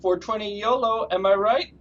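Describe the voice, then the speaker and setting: A woman's voice: mid-range voice, moderate pace, muffled recording, natural voice. A woman playing a laid-back, jokey airline captain making cabin announcements. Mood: announcing. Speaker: pilot.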